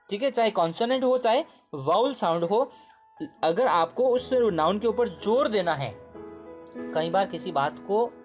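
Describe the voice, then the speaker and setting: This male grammar teacher has a voice that sits high. His lesson is casual and spoken, full of repeated points, check-ins with the audience, and mid-sentence self-corrections.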